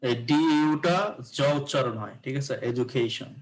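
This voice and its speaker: A man's voice: mid-range voice, moderate pace, rough recording. A man with a Bangladeshi accent teaching English pronunciation in a live class, explaining patiently and often checking that students follow.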